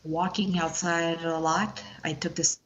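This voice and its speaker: A woman from Quebec, Canada, with a Quebec French accent, chats casually as a podcast interview guest, hesitating and searching for words. Her low-pitched voice is flat and a little slow. The audio sounds dull.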